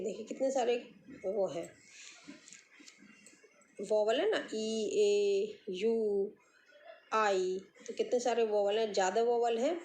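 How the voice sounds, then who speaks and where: In an echoey room with faint background noise, a woman teacher gives a grammar lesson to young pupils. Her mid-range voice has a darkish tone, and she speaks slowly, spells words out letter by letter, says the terms, and repeats "ठीक है".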